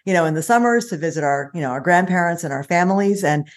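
A middle-aged American woman who owns a small business tells her story in a casual interview, talking fast in a lowish voice and using many fillers.

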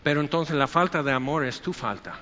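A man preaching a Sunday sermon in a conversational, animated way, often acting out quoted voices. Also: on the high side, fairly quick, slight background noise. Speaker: pastor. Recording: echoey hall, dull lo-fi sound.

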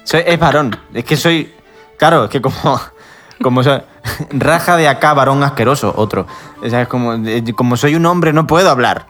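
A man, co-hosting a casual chat. He is playful and teasing and laughs quickly. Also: mid-range voice, faint music behind. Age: late 20s. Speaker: podcast co-host.

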